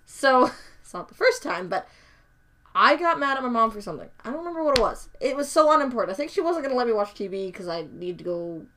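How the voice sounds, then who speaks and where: A woman's voice: on the high side, big pitch swings, fast, fairly bright tone. A woman telling personal stories in a casual chat, laughing often and using many fillers.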